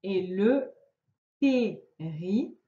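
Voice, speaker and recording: A woman teacher giving a slow, clearly spoken lesson to children, stretching out each word. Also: mid-range voice, expressive, warm tone. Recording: echoey room, dull lo-fi sound.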